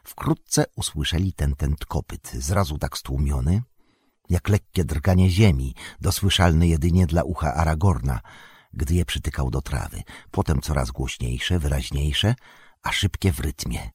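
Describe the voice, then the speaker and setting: A man narrating an audiobook in an even storytelling manner. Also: rumbling low, measured pace, slightly rough, no echo. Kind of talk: scripted narration.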